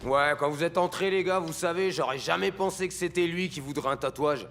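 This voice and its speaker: A man's voice: fairly high pitch, fairly quick, a bit bright, slight background noise. An actor playing a casual, chatty male tattoo artist in dubbed film dialogue.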